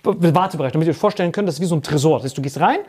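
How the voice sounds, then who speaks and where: A man telling a story in a casual podcast chat, animated and full of swearing and mocking impressions. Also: a little high, slightly rough. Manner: fast bursts, often laughing.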